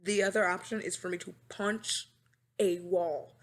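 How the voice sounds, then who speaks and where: A woman's voice: fairly low pitch, a little slow. Rambling young woman podcaster on a webcam mic. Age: 20s. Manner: animated, rambling, dramatic and self-mocking. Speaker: podcast host. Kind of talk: casual chat. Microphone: webcam microphone.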